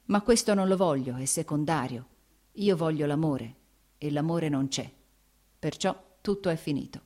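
A woman's voice: low-pitched, normal speed, warm tone. A woman reading the lines of a proud, jealous young noblewoman, impassioned and accusing. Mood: wounded.

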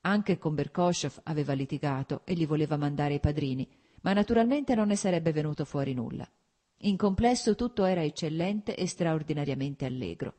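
A woman reading a classic novel aloud as scripted audiobook narration, at a measured, even pace. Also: low voice. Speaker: audiobook reader.

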